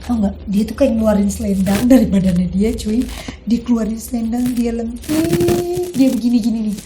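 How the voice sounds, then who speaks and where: A young woman, hosting a casual chat and telling a story in an animated, dramatic way. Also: a little high, moderate pace, background noise. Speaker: host. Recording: echoey room.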